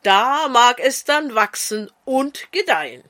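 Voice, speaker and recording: A woman storyteller voicing a wise trickster man who calmly hands out clever advice. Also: on the high side, slow, full character voice. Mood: sly advice.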